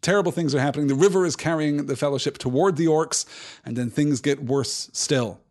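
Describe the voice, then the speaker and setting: A man's voice: fairly high pitch, brisk, darkish tone. A man hosting a live book-reading stream, reading aloud and thoughtfully digressing to answer chat comments.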